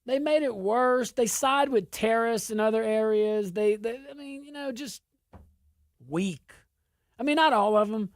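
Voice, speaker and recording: A woman's voice: fairly high pitch, darkish tone, dry recording, clean studio sound. A woman with an Arkansas Southern accent giving informal political commentary, emphatic and repeating phrases for stress.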